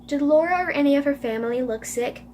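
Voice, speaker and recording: A woman's voice: sits high, fast, darkish tone, slight background noise, voice pushed up, natural voice. Woman reading as a stern, worried mother.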